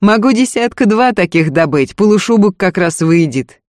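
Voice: medium pitch, lively intonation, moderate pace, no room sound, voice pushed up, natural voice. Reader doing a stubborn young hunter guy, blunt and terse, dry sound. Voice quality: terse, unsmiling. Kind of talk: audiobook character voice.

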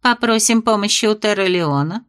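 A woman's voice: mid-range voice, moderate pace, fairly bright tone, smooth, close to an everyday voice. Woman voicing an evasive fairy headmistress. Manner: evasive, soothing, dismissive. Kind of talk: audiobook character reading.

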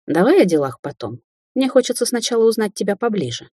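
Smug vicious sorceress, read by a woman for an audiobook: mocking, theatrical, husky-toned, raised high. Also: very animated, quick pace, darkish tone, no echo, clean studio sound. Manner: theatrical, mocking, turns to hissing threats. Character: smug cruel adult female sorceress, teasing and vicious.

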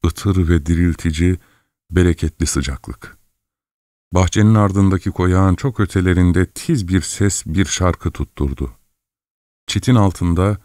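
A man reads a literary novel aloud in a measured, descriptive way. His voice sits very low, and the recording is dry and close with no room around it. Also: warm tone, no room sound. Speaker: audiobook narrator. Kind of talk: scripted literary narration.

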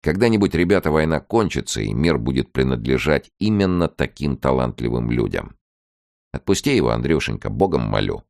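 A man's voice: a bass voice, sing-song, a little fast, creaky, darkish tone, no echo, clean studio sound, heavily acted. A man voicing a blunt, one-armed male police chief in an audiobook, speaking earnestly.

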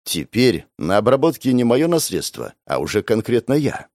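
A man narrating a first-person audiobook in an expressive, wry manner, voicing all the characters. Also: medium pitch, normal speed, no room sound, clean studio sound.

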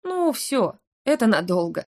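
A woman's voice: a little high, sing-song, unhurried. Audiobook: sulky young male werewolf, a woman reader puts him on. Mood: exasperated. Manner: sulky, exasperated.

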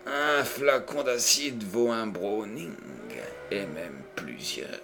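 A man's voice: on the low side, sing-song, takes it slowly, music in the background, full character voice. A man reading an audiobook, voicing a brutal, cunning male villain doctor who taunts and threatens in a menacing, gloating way.

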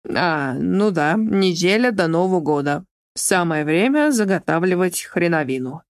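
A big, hot-tempered young man speaks in short, gruff, blunt lines, as a woman reads him in an audiobook. The voice sits lower than her narration. The sound is dry and close, with no room around it. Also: lively intonation, unhurried, dry recording. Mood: amused. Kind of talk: audiobook character voice.

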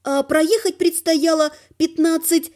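A woman narrating a first-person fantasy audiobook with a lively, expressive reading. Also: very high-pitched, unhurried.

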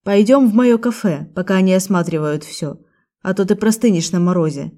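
A woman's voice: mid-range voice, brisk, dark tone, natural voice. A woman voicing a stern young man who speaks in curt, cold lines.

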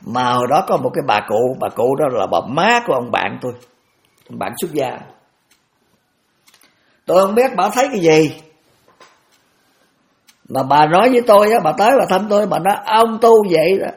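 A man's voice: fairly high pitch, very animated, normal speed, vocal fry, long pauses. A man in his eighties, a Buddhist monk giving a dharma talk, repeating phrases and restarting often with homely examples. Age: 80s.

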